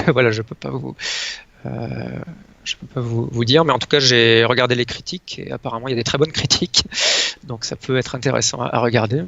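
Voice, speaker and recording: Hesitant gravelly male guest explaining astrology, halting delivery, muffled lo-fi recording. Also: medium pitch, a bit bright, no room sound. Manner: hesitant, pauses often to search for words. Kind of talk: casual presentation of a chart. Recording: dull lo-fi sound.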